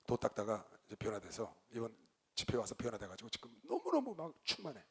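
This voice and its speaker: A male pastor preaching, telling a story with lively swings between loud outbursts and quiet low asides. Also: a little fast, creaky, slightly rough. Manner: animated storyteller, shouts quoted lines, drops to low asides. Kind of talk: sermon with storytelling.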